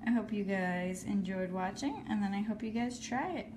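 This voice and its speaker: A woman's voice: medium pitch, moderate pace, background noise. A woman hosting a casual step-by-step craft tutorial, talking in a friendly, practical way while she works with her hands at an indoor table. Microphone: phone camera filming hands from above.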